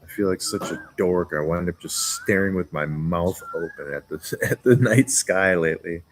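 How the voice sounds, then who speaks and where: A man vlogging outdoors on a jungle farm, chatting casually in a rambling, giggly, relaxed way. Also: low-pitched, moderate pace, a little hiss or hum. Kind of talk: casual chat.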